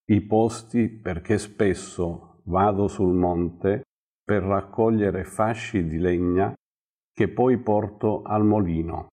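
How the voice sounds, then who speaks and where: A man's voice: on the low side, warm tone, breathy edge, full character voice. A man voicing a proud, stubborn village boy who boasts and defies, in a storybook reading. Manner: boastful, defiant.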